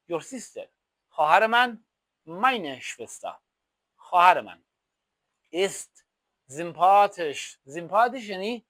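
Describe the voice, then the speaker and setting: A male teacher and native Persian speaker explaining German grammar, drawing out example phrases slowly and repeating them as drills. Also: on the high side, fairly bright tone, no room sound. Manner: slow, drawn-out German example phrases between quick explanations. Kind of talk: language lesson explaining examples.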